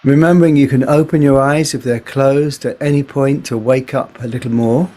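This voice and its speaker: As a meditation teacher, a man guides a body scan, speaking gently in short phrases separated by unhurried pauses. His voice is medium in pitch and steady in tone.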